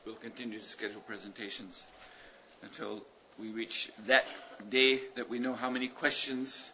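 A man leading a class, giving announcements in a measured way with pauses and fillers. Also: medium pitch, flat delivery, bright, forceful tone. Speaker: class leader. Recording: muffled recording with background noise.

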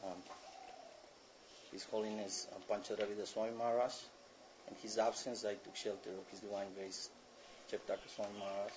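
A man's voice: fairly low pitch, flat delivery, fairly quick, long pauses. Man presenting in class. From Ecuador. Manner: hesitant, with many fillers. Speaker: student presenter. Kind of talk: scripture presentation. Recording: muffled recording with faint noise.

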